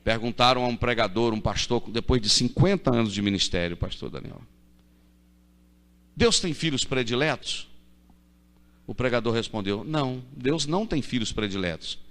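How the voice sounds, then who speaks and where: A middle-aged man with a deep voice, preaching a sermon as pastor, moving from quiet storytelling to loud repeated proclamations. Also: lively intonation, moderate pace. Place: church. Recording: church hall reverb.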